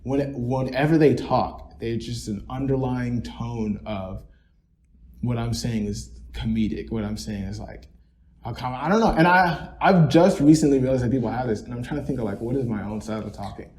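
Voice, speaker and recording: Mellow-voiced young man, rambling. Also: mid-range voice, fairly quick. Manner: rambling, many fillers and restarts. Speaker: podcast co-host. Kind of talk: casual reflective chat.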